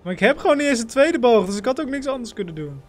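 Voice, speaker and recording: A man giving playful, excitable let's-play commentary, talking to his in-game companion. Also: extremely high pitch, fast. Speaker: gaming channel host.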